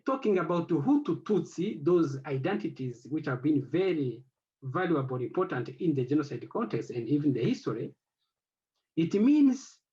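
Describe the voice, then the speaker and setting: A man who heads an institute and whose first language is French speaks on an academic panel, hesitating and hunting for words with plenty of fillers. His somewhat high voice swings a lot in pitch and has a darkish tone, captured in a dull, lo-fi recording.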